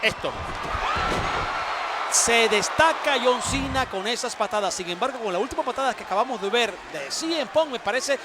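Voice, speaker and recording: A man doing animated color commentary on wrestling, emphatic and repeating phrases for effect. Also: very high voice, moderate pace. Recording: noisy arena crowd. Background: arena crowd.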